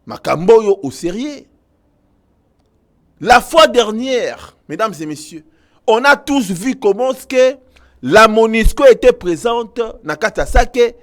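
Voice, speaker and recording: Casting: Congolese-accented male commentator, high and animated, emphatic, swings between loud and low. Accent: Congolese French. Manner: emphatic, mixes French and Lingala, swings from loud outbursts to low intensity. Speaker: online news commentator. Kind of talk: impassioned political commentary to viewers.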